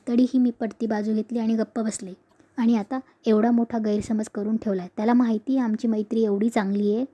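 A woman voicing a defiant young wife who argues her point step by step, reading slowly in her own voice. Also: medium pitch, dark tone, lightly acted.

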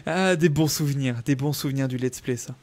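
A man's voice: mid-range voice, a little fast, darkish tone. A young man casually commenting on his game live, thinking aloud and answering viewers in chat. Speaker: streamer.

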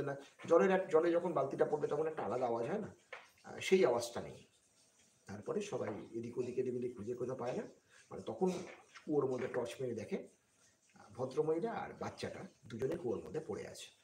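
A man telling a ghost story on a live stream in a slow, hesitant way, with many fillers and frequent checks with his viewers. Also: mid-range voice, a little mellow. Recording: echoey room with faint noise.

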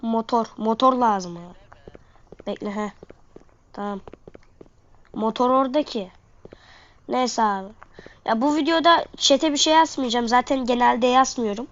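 A gaming video host with a congested, sniffly nose gives casual, slangy commentary to her viewers while she plays. Her voice is fairly high, unhurried and full of pauses, and the microphone sounds dull and lo-fi.

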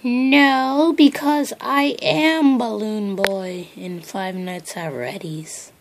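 A performer voicing excitable young cartoon bird kids in an improvised puppet show, with a drawn-out childish delivery. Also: mid-range voice, pitched above the performer's own voice. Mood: cheeky.

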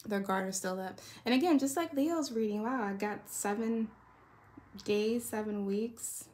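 A little slow and a little mellow, a medium-pitched woman's voice offers a loose, chatty tarot reading. She wanders in her talk and regularly checks in with the listener using "right?" and "you know."

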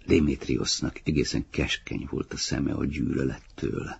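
Egy férfi, aki nyugodt, kimért tempóban olvas fel egy regényt hangoskönyvként, rekedtes hangon. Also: male voice, extremely low pitch, gravelly, slightly rough, muffled recording. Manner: calm, measured literary reading. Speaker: audiobook reader. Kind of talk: audiobook narration.

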